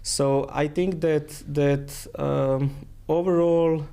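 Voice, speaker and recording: A man's voice: fairly high pitch, steady tone, slow, creaky, warm tone, smooth. A middle-aged man from Croatia, a guest in a casual interview, speaking in phrasing and often repeating his words.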